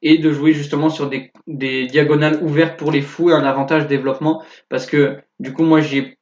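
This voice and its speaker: A young man casually commenting on one of his own chess games, thinking aloud with fillers and quick self-corrections. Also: on the high side, flat delivery. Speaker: chess youtuber analyzing his own game. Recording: echoey, dull lo-fi sound.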